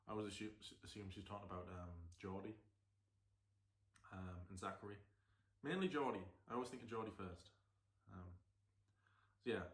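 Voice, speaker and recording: A man hosting a reaction channel, mocking a clip with sarcastic asides and sudden shouts. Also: on the low side. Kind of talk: reaction commentary. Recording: roomy echo.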